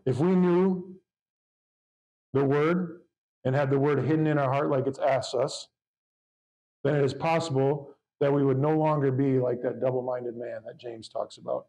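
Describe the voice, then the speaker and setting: Loud and fervently convinced, a pastor delivers his sermon and reads scripture to the congregation in a warm, mellow tone. His mid-range voice stays steady at a moderate pace, captured in a low-quality recording.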